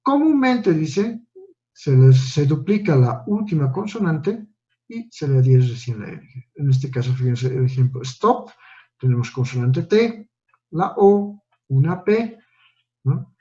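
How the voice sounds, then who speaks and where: A man's voice: fairly high pitch, sing-song, takes it slowly, mellow, muffled recording. A male teacher giving a step-by-step classroom lecture, often checking in with his listeners through short tag questions. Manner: explains step by step, tags lines with "¿no?" and "¿ya?".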